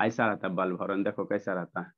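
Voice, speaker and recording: A man's voice: deep voice, fairly even intonation, quick pace. Teacher, male, online class over a dull video call line, asks and answers his own questions, drills each point.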